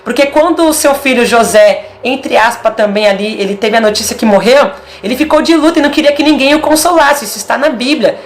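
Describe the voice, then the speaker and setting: A woman's voice: a little high, a little fast, a little hiss or hum. A woman with a Brazilian Portuguese accent giving a casual video sermon, emphatic and stacking short repeated phrases.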